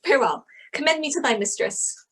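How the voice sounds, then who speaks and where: A woman's voice: high voice, lively intonation, a little fast, a bit bright. A woman reading the part of an earnest young male lover in an amateur Shakespeare reading.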